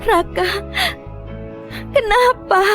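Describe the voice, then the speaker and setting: A heartbroken young-sounding wife in a melodramatic drama. Her voice is extremely high and pleading, with music playing behind her. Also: moderate pace. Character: devoted, distraught wife abandoned by her husband. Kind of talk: melodramatic short drama acting.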